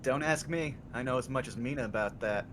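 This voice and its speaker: During a live read-along, a man voices a game character, a weary but hopeful young father who works the docks, speaking earnestly and stumbling over his words. His medium-pitched, fairly quick voice is close to an everyday one, with background noise and music playing underneath.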